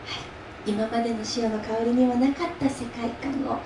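Between songs at a mini live event in a music shop, an enka singer from Osaka, Japan chats with her audience, laughing often and using many fillers. Her voice is on the high side, with fairly even intonation and normal speed. She speaks on a handheld mic from a distance in an echoey, noisy room.

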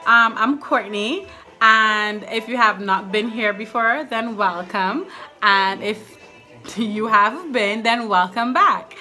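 Her voice fairly high, slow, pushed and bright, a Trinidadian woman in her twenties does her makeup while chatting casually to the camera. This beauty vlogger is in a small indoor room with curtains and a couch, and music plays behind her.

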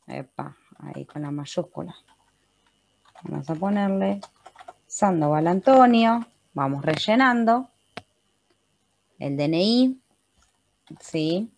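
An Argentine woman leads a webinar computer class, walking students through a spreadsheet one step at a time. Her voice sits low and carries a gravelly edge. She is patient and keeps checking in with a quick "¿sí?". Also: animated. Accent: Argentine Spanish. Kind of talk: step-by-step software tutorial. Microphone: computer mic in a webinar.

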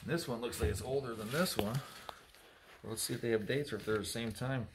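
With a mid-range voice, a slightly quick delivery and a noisy background, this man gives casual unboxing commentary. In his thirties and working as an auctioneer, he reads labels off old items and kids around with his crew inside a block-walled storage area.

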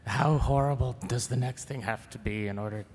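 A man with a mid-pitched voice speaks gravely and deliberately as a panelist. The long reverb of a big hall surrounds him, with a faint ambient hum below. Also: darkish tone. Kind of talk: conference panel answer. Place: large conference hall. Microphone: table microphone.

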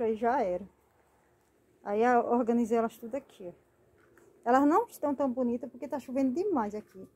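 A woman with a slightly high, mellow voice walks through her plant collection in a relaxed, chatty way. She names each succulent and fusses over it fondly. The sound is close and dry, with no room around it. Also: no room sound. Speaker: plant channel host. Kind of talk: casual gardening vlog walkthrough.

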